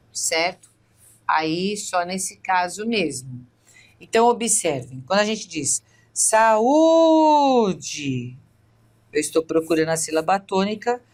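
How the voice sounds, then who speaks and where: A teacher with a mid-range voice and a Brazilian Portuguese accent gives an online exam-prep lesson. She walks through the material step by step and frequently checks in with the viewer.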